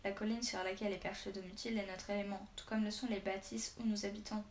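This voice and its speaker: A courteous, diplomatic old village elder, as a woman reads him, smoothing things over with polite phrasing. Roomy echo and a faint hiss surround the reading. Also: medium pitch, level tone, fast talker, natural voice. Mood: conciliatory. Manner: courteous, conciliatory.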